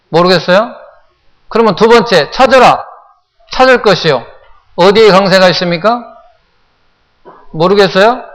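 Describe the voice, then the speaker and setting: High-voiced pastor preaching in a reverberant church. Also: male voice, fairly bright tone. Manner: asks the congregation questions, repeats phrases for emphasis. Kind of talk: sermon. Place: church sanctuary.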